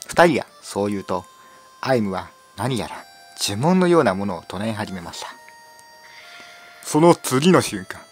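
Guy with a scratchy worn-out throat, reading game lines and giggling, faint music behind. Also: mid-range voice. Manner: giggles often, reads dialogue with stumbles and asides. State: hoarse. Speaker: game streamer. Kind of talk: playful let's-play commentary reading game text aloud.

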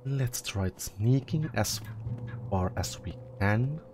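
A man's voice: lowish voice, animated, takes it slowly, over music. A man casually commenting as he plays a fantasy game, thinking aloud and reacting to the fight. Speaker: let's play host.

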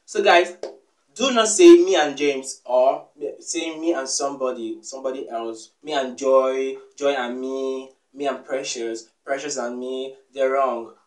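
A man's voice: medium pitch, fairly even intonation, unhurried. Echoey, distant man teaching English. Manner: repetitive, emphatic corrections with frequent "yes" and "okay". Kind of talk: casual spoken lesson. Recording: echoey room, voice from far off the mic.

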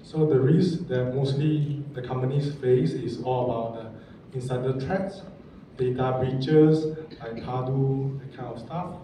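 A man pitching his company as a panelist. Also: a little slow, dark tone. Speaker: panelist, sales manager. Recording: very echoey hall, distant mic, faint noise.

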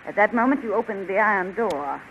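A woman's voice: medium pitch, animated, a little fast, close to an everyday voice. A woman acting an imperious, regal witch queen in a 1930s radio serial, haughty and declamatory. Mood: haughty, confessing. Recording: muffled, hissy 1930s radio recording.

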